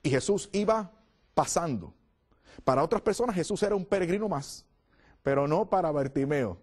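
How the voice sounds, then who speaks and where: A man's voice: on the high side, lively intonation, normal speed, darkish tone. A man preaching a sermon, telling the story with drama and acting out the voices of the crowd.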